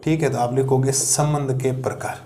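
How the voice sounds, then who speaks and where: A math teacher in a classroom lecture video walks students through a lesson step by step, reassuring and encouraging them and posing rhetorical questions to the class. His voice is medium-pitched and mellow, with fairly even intonation at normal speed, and there's a little hiss or hum.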